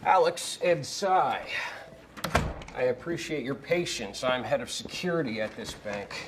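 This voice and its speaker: An actor playing a composed male head of bank security, measured and courteous. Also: medium pitch, expressive, background noise, lightly acted.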